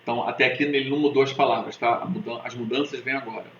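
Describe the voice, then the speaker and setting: A man's voice: mid-range voice, fairly even intonation, rapid-fire, fairly bright tone, slight background noise. A man with a Brazilian Portuguese accent, teaching an online literature lesson in a chatty, jokey way, often checking in with his students. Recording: roomy, slightly dull sound with faint ambience.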